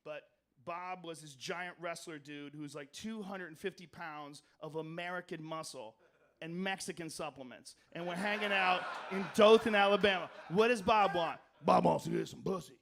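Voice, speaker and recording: Loud, profane stand-up comic man. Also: high voice, normal speed. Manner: loud, animated, profane, swings between mumbled asides and shouted punchlines. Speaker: stand-up comedian. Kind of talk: stand-up storytelling. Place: comedy club stage.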